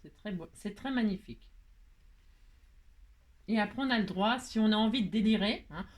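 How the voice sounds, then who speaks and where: A woman from France hosting a casual craft tutorial, talking in a playful, self-mocking way and tagging her sentences with a quick "hein". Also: medium pitch. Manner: cooing baby talk to her pet. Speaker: crafting video host.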